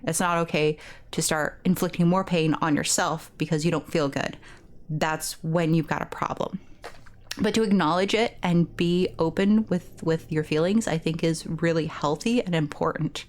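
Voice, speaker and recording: Hosting a gaming let's play, a woman speaks at normal speed in a low-pitched, steady voice. She chats candidly in slangy, informal commentary and reads the game's dialogue out loud, over noticeable background noise.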